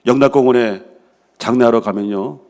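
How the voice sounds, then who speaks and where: A man's voice: mid-range voice, moderate pace, a little mellow. A middle-aged male pastor preaching a sermon, reading scripture and telling personal stories, often asking the congregation questions. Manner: engages the congregation with frequent questions and affirming "yes"; reads scripture aloud, then expounds with personal stories. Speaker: senior pastor.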